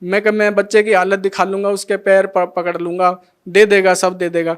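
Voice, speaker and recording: A middle-aged man with a high, clean voice keeps a level tone and a moderate pace while emotionally sharing his testimony as a devotee. Every line of dialogue in each scene gets acted out as he retells it.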